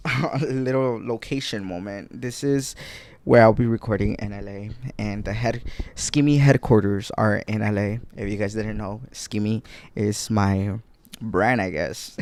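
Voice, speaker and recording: A man's voice: mid-range voice, a little mellow, clean tone, dry recording. A man in his twenties, from Guatemala, hosting a casual solo podcast from home on a desk mic, rambling and correcting himself as he talks to listeners. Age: 20s. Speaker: podcast host.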